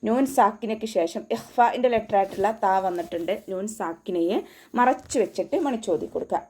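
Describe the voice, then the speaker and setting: A woman's voice: mid-range voice, darkish tone. A woman teaching an online recitation class, patiently explaining each sound step by step. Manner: patient step-by-step instruction with slow chanted recitation.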